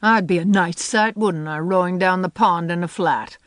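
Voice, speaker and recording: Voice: mid-range voice, normal speed, a bit bright, no room sound, natural voice. A reader voicing a stern, practical woman in her sixties in an audiobook, speaking in a dry, grumbling, matter-of-fact way. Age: 60s. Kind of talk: audiobook character voice.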